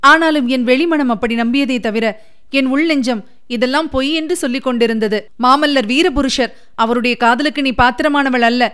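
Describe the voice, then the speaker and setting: A woman reading a storybook part of a tender, anxious young woman who pleads earnestly, a little higher than her narrating voice. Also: normal speed, fairly bright tone, clear, resonant tone. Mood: confessing.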